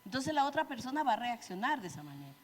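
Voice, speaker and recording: A gentle Ecuadorian woman in her sixties explains marriage advice to a church group, patient and clear. Her voice runs a little high, and long church-hall reverb lingers behind it. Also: very animated, fast. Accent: Ecuadorian Spanish. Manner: gentle and explanatory, acts out example phrases. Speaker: church couples-ministry speaker. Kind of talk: teaching at a church meeting.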